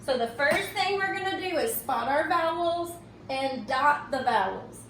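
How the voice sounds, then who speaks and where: A high-pitched woman teacher walks young kids through a reading lesson, slow and patient, pausing to check in with "okay?" again and again. She sounds some way off from the mic in an echoey room, with a faint hiss underneath. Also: expressive, fairly bright tone, distant mic. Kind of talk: recorded tutorial for young students.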